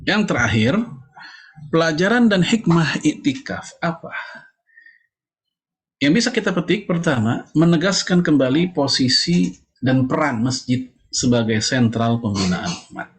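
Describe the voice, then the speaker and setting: Lively conversational male preacher. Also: measured pace. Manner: conversational, joking asides, frequent "ya" fillers; lively pitch jumps for emphasis. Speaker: Islamic preacher. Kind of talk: casual religious lecture.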